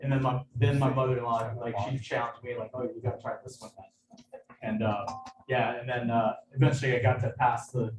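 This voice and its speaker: This American chef gives a relaxed cooking demo by video call from his kitchen, speaking haltingly, restarting often and leaning on filler words. His mid-range voice has an even tone, with music playing behind him. The recording is echoey and distant, with noise in the background.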